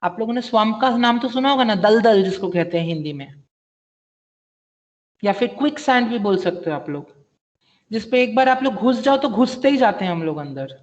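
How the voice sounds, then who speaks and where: A man's voice: sits high, expressive, fairly quick. A man teaching an online vocabulary class, mixing Hindi and English, spelling words out and quizzing his students. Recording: dull lo-fi audio.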